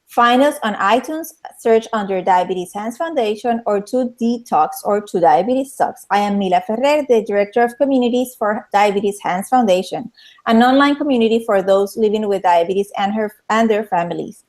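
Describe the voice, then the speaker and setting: A woman from Puerto Rico with a Puerto Rican Spanish accent, hosting a talk show interview in a lively way, with many fillers and restarts. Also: medium pitch, moderate pace.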